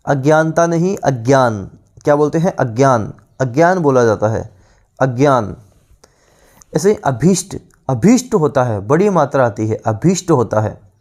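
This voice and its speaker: Male exam coach, slightly high voice, drills each word over and over. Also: a little mellow. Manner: repeats each word slowly several times; drills with rhetorical questions. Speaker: teacher. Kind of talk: exam-prep grammar lesson.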